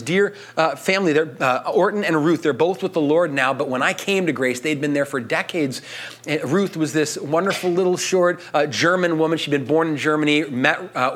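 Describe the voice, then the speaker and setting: A man's voice: a little high, fairly bright tone. A man as pastor preaching a sermon in a conversational way, often checking in with "right?".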